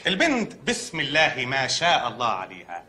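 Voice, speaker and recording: A matter-of-fact hospital doctor. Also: male voice, mid-range voice, huge pitch swings, brisk, pushed and bright. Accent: Egyptian Arabic. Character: deadpan, odd male hospital doctor. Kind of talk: film comedy acting.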